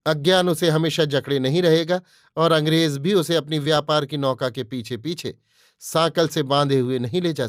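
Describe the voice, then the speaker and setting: A man's voice: fairly high pitch, no echo, clean studio sound, natural voice. A man voicing a fiery young male nationalist who lectures his friend emphatically in a storybook reading. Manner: emphatic, preaching.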